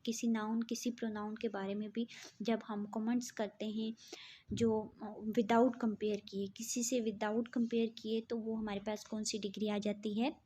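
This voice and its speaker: A woman teaching an English grammar lesson, explaining slowly and checking in with her listeners. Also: on the high side, level tone, dark tone, slight background noise. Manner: slow, deliberate example sentences with frequent "ठीक है?" checks.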